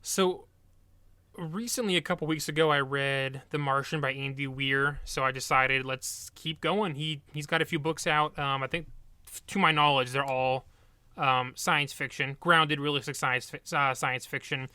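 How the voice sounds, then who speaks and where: A man co-hosting a book podcast, summarizing a novel in a relaxed way and often correcting himself. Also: medium pitch, moderate pace, clear, resonant tone, no room sound. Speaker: podcast co-host. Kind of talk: casual book review chat.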